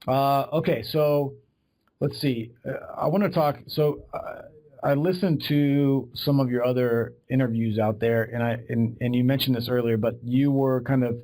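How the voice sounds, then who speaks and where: A man hosts a casual podcast interview, chatting agreeably and conversationally and often repeating words. His voice is medium-pitched and mellow, with fairly even intonation at a normal speed.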